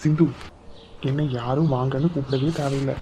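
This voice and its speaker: A man voicing an aging father in a cartoon, speaking quietly with hurt and reproach. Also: medium pitch, little pitch movement, fairly quick, slight background noise, close to an everyday voice. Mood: hurt, reproachful. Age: older. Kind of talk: Tamil cartoon voice acting.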